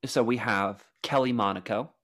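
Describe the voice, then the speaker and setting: A man's voice: on the low side, normal speed, fairly bright tone. A man co-hosting a podcast, joking in a mock-formal, self-mocking way and laughing often. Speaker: podcast co-host. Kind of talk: casual comedic chat.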